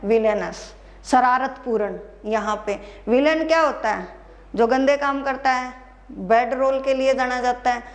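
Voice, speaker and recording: High-voiced woman teaching, slow and repetitive. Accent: Haryanvi Hindi. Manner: spells words letter by letter, repeats answers to students. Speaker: English teacher. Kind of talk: classroom exam-prep lesson.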